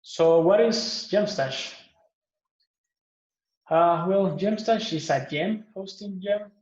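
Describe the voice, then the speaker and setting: A man from Guatemala with a slightly high voice gives a conference pitch, leaning on "uh" and "um" as he goes and often restarting his sentences. The recording sounds echoey and somewhat muffled, like a lo-fi room take. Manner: relaxed, with frequent "uh" and "um" fillers and self-repairs. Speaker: open source maintainer giving a project pitch.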